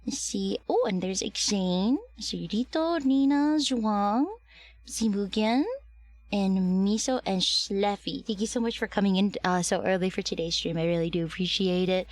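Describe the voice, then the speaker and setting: A woman's voice: medium pitch, moderate pace, no echo. A woman livestreamer chatting casually and affectionately with her viewers, her voice slightly strained and recovering.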